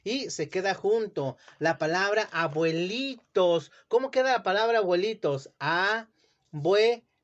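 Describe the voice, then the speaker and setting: A man teaching children a lesson, speaking slowly and carefully and stretching words out syllable by syllable. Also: high voice. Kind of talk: classroom lesson explanation. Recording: dull lo-fi sound.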